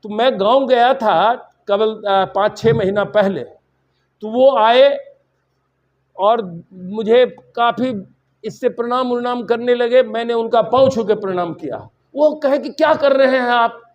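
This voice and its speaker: Older man, from Bihar, seminar speech, high-pitched, rambling storyteller, mixes in English. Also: takes it slowly, darkish tone, muffled recording. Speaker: university vice-chancellor giving a seminar address. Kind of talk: public lecture speech.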